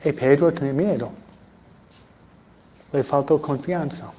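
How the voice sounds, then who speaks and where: A man's voice: on the high side, measured pace, warm tone, dull audio. A man preaching a sermon in a conversational way, often asking his listeners questions. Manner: conversational, asks the audience questions.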